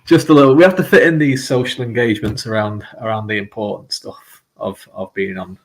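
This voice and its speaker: A man's voice: lowish voice, fairly quick, poor audio. A man of about forty with a west of Ireland accent, chatting casually as an author on a panel. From Galway, Ireland. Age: 40s.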